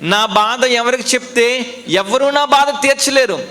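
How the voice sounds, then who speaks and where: A man's voice: extremely high pitch, measured pace, sharp tone, pitched above the performer's own voice, heavily acted. A man voicing a grieving childless woman who pleads with a priest in a tearful voice, within a sermon retelling. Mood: pleading.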